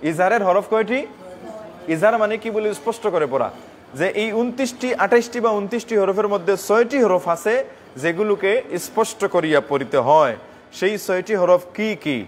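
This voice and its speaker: A man's voice: high-pitched, slight background noise. A man teaching a Quran recitation lesson, repeating points, asking questions and answering them himself. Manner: repeats and quizzes, answers his own questions; chants letters slowly in a sing-song. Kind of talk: tajweed lesson.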